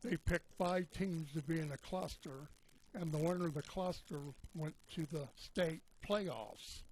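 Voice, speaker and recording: A man's voice: fairly high pitch, unhurried, darkish tone, slight background noise, low-quality recording. An older man, a local sports radio commentator telling a long, meandering story in a folksy way and correcting himself as he goes. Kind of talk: rambling storytelling on a sports broadcast.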